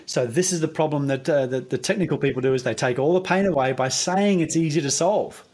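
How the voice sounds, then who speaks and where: A man's voice: on the high side, a little fast, a little mellow. A man, perhaps, speaking as a guest in a conversational interview, explaining sales through stories and acting out quoted dialogue, with frequent restarts.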